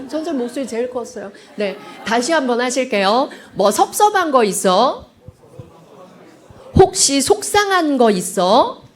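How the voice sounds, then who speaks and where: A woman giving a counseling lecture to a live audience in a library hall. She leads listeners in repeating phrases and acts out bits of family dialogue. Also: on the high side. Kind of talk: public talk-show lecture.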